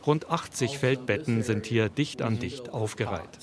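A male news narrator reading a scripted report. His voice sits at a middling pitch, and he keeps a steady, measured delivery throughout. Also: crowd noise.

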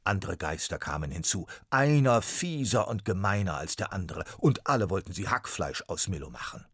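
A man narrating a children's storybook in an expressive, dramatic way. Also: low voice, moderate pace, breathy edge, dry recording, studio quality. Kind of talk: storybook reading.

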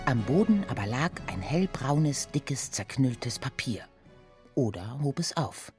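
A woman narrating a children's story aloud in a lively, expressive reading. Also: very deep voice, unhurried, soft background music.

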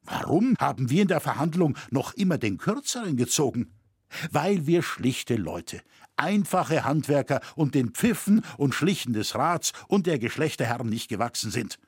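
A man's voice: medium pitch, slightly rough, no room sound, studio quality. A man reading a rousing blunt smith. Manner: rousing, rhetorical. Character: blunt male smith, rousing his fellow craftsmen.

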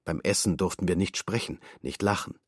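A man's voice: deep voice, fairly quick, no echo, studio quality. An actor playing a male defendant in his thirties, giving clipped, terse testimony in a documentary radio drama.

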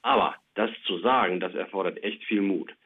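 Over a narrow, tinny phone connection comes a deep, slightly rough male voice at a moderate pace. He's an expert guest, a child psychiatrist, explaining matters plainly and simply with little spoken examples.

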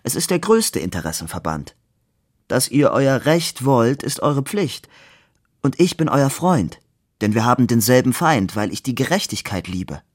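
A man reading aloud as an ironic young man who argues calmly and sardonically. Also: medium pitch, no room sound, clean studio sound, pitched above the performer's own voice. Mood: earnest. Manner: measured, reasoning, wry. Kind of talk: literary reading.

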